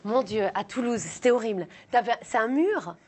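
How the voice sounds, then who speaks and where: A woman's voice: fairly high pitch, lively intonation, normal speed, slightly rough. A young woman comedian from the south of France, chatting casually and self-mockingly in an interview, with lots of fillers and restarts. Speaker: comedian guest.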